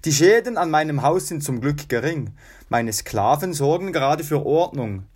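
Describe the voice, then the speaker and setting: A man's voice: fairly high pitch, animated, normal speed, a little mellow, slightly rough. A man voicing a defiant Roman tribune. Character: middle-aged Roman guard tribune, outspoken and defiant.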